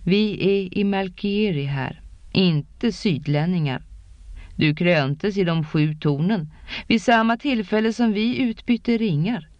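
A woman voicing a patient, affectionate warrior king speaking gently to his wife. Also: medium pitch, no room sound, lightly acted. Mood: gentle. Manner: calm, affectionate, coaxing. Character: tender, patient warrior king and husband, a grown man. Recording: dull lo-fi.

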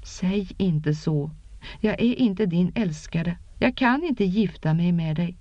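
A woman's voice: lowish voice, expressive, dark tone, dry recording. A woman voicing a frightened young woman who insists and pleads to escape. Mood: desperate. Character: frightened, defiant young woman refusing a dream life. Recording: dull lo-fi.

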